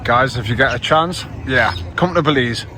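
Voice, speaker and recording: A young man with a Geordie accent, chatting excitedly through a casual travel vlog outdoors by the sea. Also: medium pitch, normal speed, a crowd in the background, background noise. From North East England. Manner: chatty, excitable, swears and laughs. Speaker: travel vlogger.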